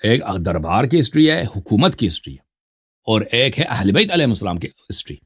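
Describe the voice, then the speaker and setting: A man's voice: mid-range voice, sing-song, a bit bright, husky. A man arguing insistently in a heated debate, lecturing and cutting in.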